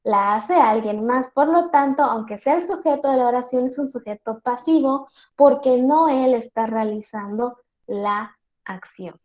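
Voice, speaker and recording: A woman with a high voice teaches an online class in an echoey room. She explains each point patiently and gives plenty of spoken examples. She pauses now and then to check that her students follow. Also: darkish tone. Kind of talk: virtual class lecture. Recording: roomy echo.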